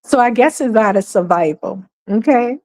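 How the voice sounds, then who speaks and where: Woman, casual commentary host, animated, laughs often. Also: moderate pace. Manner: animated, laughs often, acts out quoted people in a higher voice.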